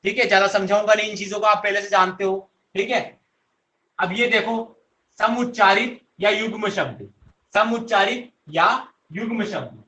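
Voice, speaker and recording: A man's voice: high voice, normal speed, bright, forceful tone, highs cut off. A young man teaching an online grammar class, who keeps asking his students questions and answering them himself. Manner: coaxing, addresses students directly. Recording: echoey room.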